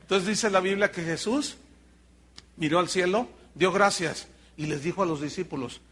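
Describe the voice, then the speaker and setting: A man with a Mexican accent preaching a sermon as pastor, telling Bible stories with animated delivery and joking asides to the congregation. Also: high-pitched, normal speed, breathy edge.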